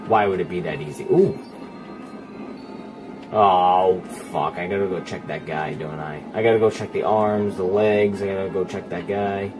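Over music, a gamer's low, fairly even voice moves at a moderate pace with hardly any pauses as he swears casually and talks directly to the horror game he's playing. He's filming the TV indoors, and the capture is noisy with game audio.

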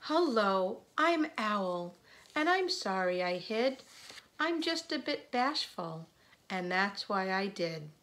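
A woman's voice: medium pitch, big pitch swings, takes it slowly, a bit bright, slight background noise. A woman voicing a shy, bashful owl in a children's picture book. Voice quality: trembling, hooting. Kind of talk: picture-book read-aloud for young children.

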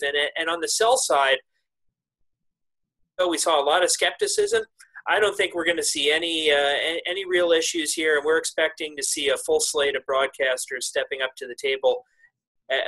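A man in his thirties, an industry analyst, answering questions in a remote video interview from his office, measured with frequent restarts and emphatic pitch rises. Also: bright, forceful tone, rough recording. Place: office with wooden cabinets. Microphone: webcam video call.

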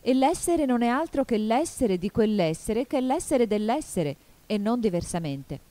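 A woman's voice: a little high, big pitch swings, normal speed, mellow, voice pushed up. A fussy, moralizing storybook duchess lectures in a sing-song lilt, as a woman reader puts her on. The voice is raised above the reader's own and rises and falls widely.

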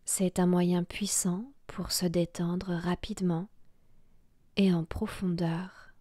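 A yoga nidra guide leads a relaxation meditation, her soft, breathy voice half-whispered, hushed and soothing, with long pauses. Her pitch is on the low side with a level tone, and there's no echo.

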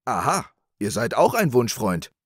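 A man voicing a humble, sly old wanderer in a spoken fairy tale, mild and gentle. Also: mid-range voice, big pitch swings, a little slow, no room sound, studio quality, voice pushed up.

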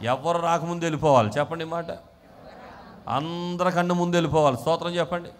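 A male pastor from Andhra Pradesh preaching a sermon, swinging from quiet talk to shouting and calling the congregation to respond. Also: fairly high pitch, fairly even intonation, quick pace, slight background noise. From Andhra Pradesh, India.

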